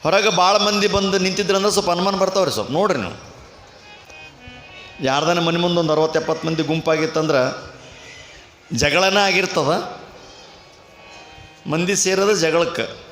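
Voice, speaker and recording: A man preaching a storytelling sermon at a village temple fair, with a North Karnataka Kannada accent and an animated manner. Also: sits high, moderate pace, long pauses, echoey room, long reverb tail, faint music behind. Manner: animated storytelling, acts out voices. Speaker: swami preacher.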